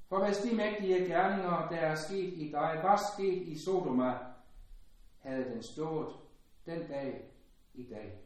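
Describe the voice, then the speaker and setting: A man reading the gospel as a priest in a solemn, measured way, his phrase endings sinking low and soft, in a large church. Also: far from the mic. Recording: dull, very echoey church sound from afar.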